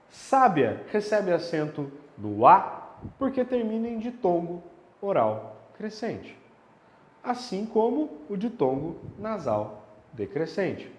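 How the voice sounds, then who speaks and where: A man teaching a grammar lesson, animated and checking in with the viewer through rhetorical questions. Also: a little high. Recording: roomy with a long reverb tail.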